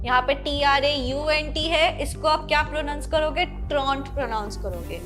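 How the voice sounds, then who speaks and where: A woman with a high voice gives a pronunciation lesson. She explains each word step by step and spells it out letter by letter. Soft music plays behind her. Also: steady tone, moderate pace. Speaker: English pronunciation teacher. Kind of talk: classroom-style lesson. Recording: light background music.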